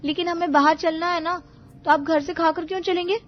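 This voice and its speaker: A woman's voice: extremely high pitch, steady tone, brisk, highs cut off, faint music behind. A woman voicing a bossy, dramatic young wife in a cartoon, sassy and demanding. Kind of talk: cartoon voice acting.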